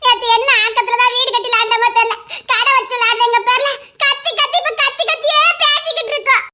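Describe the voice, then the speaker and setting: A young woman, voicing a cheeky village woman in loud, laughing, bickering audio-drama banter. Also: very high voice, fairly even intonation, fast talker, heavily acted. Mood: teasing.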